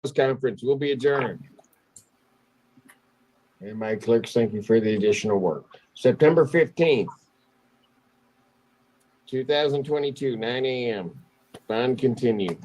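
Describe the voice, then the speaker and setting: A man's voice: mid-range voice, a little slow, pauses often, darkish tone, rough recording. A man speaking as a judge in a courtroom recording, formally calling and adjourning cases. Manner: formal, procedural. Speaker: judge presiding over court. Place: remote court hearing. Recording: courtroom recording with clear background noise.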